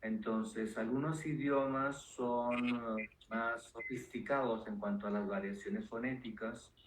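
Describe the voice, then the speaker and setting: A man, a neuropsychologist guest calmly explaining ideas with frequent fillers. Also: medium pitch, unhurried. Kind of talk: explanatory interview talk. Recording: roomy echo with faint noise.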